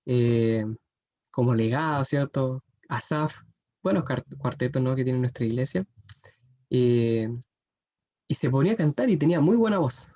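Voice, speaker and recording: Earnest young preacher, muffled sound. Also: male voice, medium pitch, lively intonation, a little slow, pauses often, dark tone. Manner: earnest, often adds "¿cierto?". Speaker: youth preacher. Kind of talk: sermon.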